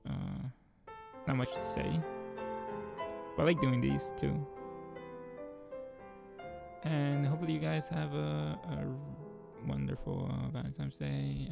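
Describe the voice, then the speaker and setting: A channel host reads a visual novel aloud and comments on it casually, in an informal, halting way. His voice is gravelly and husky, sitting at a medium pitch.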